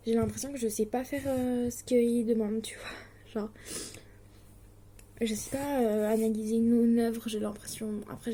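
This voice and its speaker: A teenage girl from Switzerland talks casually to her viewers from her study desk at home, her voice mellow and a little high. She hesitates often, fills pauses, and sounds anxious and self-deprecating. A faint hiss sits under the recording. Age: late teens. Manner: chatty, hesitant, with many fillers and restarts. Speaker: distance-learning student vlogger. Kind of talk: casual chat to camera.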